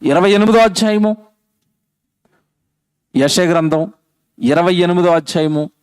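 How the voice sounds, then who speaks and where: A man preaching a sermon at a public meeting, animated, asking the crowd questions and reading Bible verses aloud. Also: sits high, moderate pace, smooth, no room sound.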